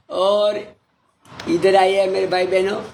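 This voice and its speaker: A man, a meditation teacher who reads viewer comments slowly, spelling out names letter by letter and apologizing with repeated thanks. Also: high voice, a bit bright, echoey room, a little hiss or hum. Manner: humble and apologetic. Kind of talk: casual talk reading viewer comments.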